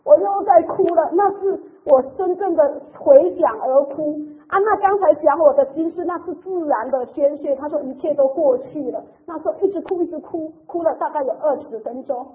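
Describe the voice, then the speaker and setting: High-voiced woman giving testimony. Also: a little fast, few pauses. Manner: emotional storytelling, particles 哦 and 哈. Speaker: church member giving testimony. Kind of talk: personal faith testimony. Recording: tinny phone-like radio sound.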